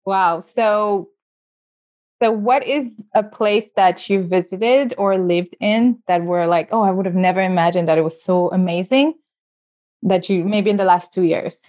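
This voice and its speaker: A woman's voice: medium pitch, unhurried, darkish tone, lo-fi sound. A woman hosting a podcast interview, chatty and full of fillers and restarts. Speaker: podcast host. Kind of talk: casual interview chat.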